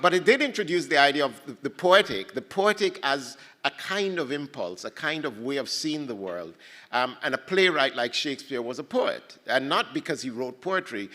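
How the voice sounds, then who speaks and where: A man from Ghana muses through a panel talk, stumbling over words and restarting as he gathers his thoughts. His voice is bright and ringing, and it hangs in the long reverb of a big hall. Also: mid-range voice. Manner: halting, many restarts, thoughtful. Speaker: panel speaker at a poetry festival.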